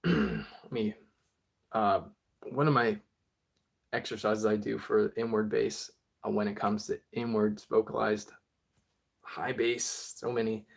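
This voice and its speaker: A man with a fairly low voice talks loosely through a live beatboxing tutorial. He rambles, fills pauses with ums and uhs, and lets his asides sink into a quieter murmur. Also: fairly even intonation, vocal fry. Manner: rambling, many fillers and trailing-off asides. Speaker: beatbox livestreamer. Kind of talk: casual livestream tutorial.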